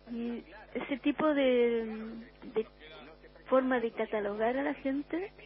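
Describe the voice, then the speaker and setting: She's an older woman from Uruguay, a musician on a radio interview, whose Chilean-accented speech is unhurried and reflective and full of restarts. The voice is high and the recording muffled.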